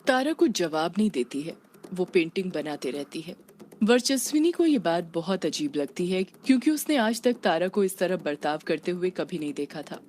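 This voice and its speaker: A woman reading a scripted audio story in a steady, even storytelling manner. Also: fairly low pitch, moderate pace, a little hiss or hum. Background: faint background music.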